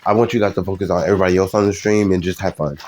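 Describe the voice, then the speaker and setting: Young man, very deep voice, casual live-stream chat, rambling, hesitant, lots of ums. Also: steady tone, very fast, a little mellow. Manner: rambling, hesitant, many fillers and restarts.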